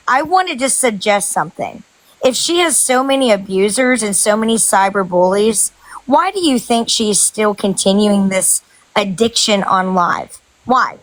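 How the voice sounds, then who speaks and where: A woman's voice: on the high side, fairly bright tone, no echo, low-quality recording. A woman on a heated live-stream panel, earnestly pleading and repeating herself as she makes her case.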